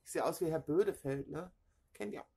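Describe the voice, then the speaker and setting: A middle-aged woman, telling a story casually to her camera at home in an excitable, chatty way, acting out what people said. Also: sits low, a little fast, vocal fry, slightly rough. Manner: chatty, excitable, acts out dialogue. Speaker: vlogger. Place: at home indoors. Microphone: camera in front.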